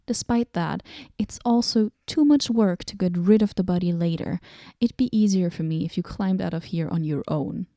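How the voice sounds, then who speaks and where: A woman voicing a moody, aloof female goddess in a whispered role-play, talking with dry sarcasm and drifting into soft whispers. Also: on the low side, moderate pace, dry recording, close to an everyday voice.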